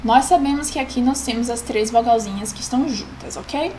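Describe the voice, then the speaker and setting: A woman's voice: a little high, a little fast, mellow, a little hiss or hum, poor audio. A woman, patiently explaining a grammar lesson as a teacher and often checking in with the class.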